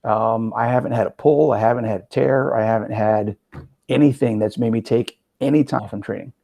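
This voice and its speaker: A man in his forties hosting a casual interview as a coach, talking in an energetic, conversational way with frequent "right?" asides. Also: medium pitch, brisk, gravelly. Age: 40s. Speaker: podcast host and metabolic coach.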